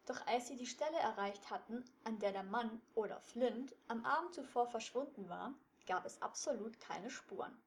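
A woman calmly reading a children's detective story aloud. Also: fairly high pitch, normal speed, hardly any pauses, slight background noise.

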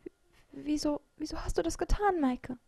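A woman voicing a cheeky, smug schoolgirl in an audiobook, with a bright, teasing, bouncy delivery. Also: a little high, expressive, moderate pace, vocal fry. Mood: upset. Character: cheeky top-student schoolgirl, smug and carefree.

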